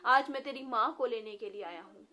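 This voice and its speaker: Woman voicing a steady male death god, firm and calm, high-ish voice. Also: fairly quick.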